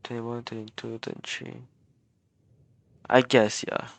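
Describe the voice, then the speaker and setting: A streamer plays a game and gives casual, giggly commentary, often exclaiming and talking to themselves. The voice is mid-range, level, unhurried and gravelly, with faint game music and dialogue in the background.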